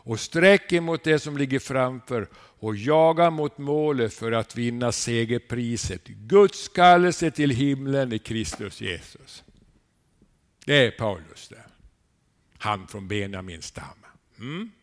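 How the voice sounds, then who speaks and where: A man preaching a sermon, animated, asking his listeners rhetorical questions and adding a questioning "eh?" to his lines. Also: medium pitch. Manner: animated storytelling with sudden rises in volume.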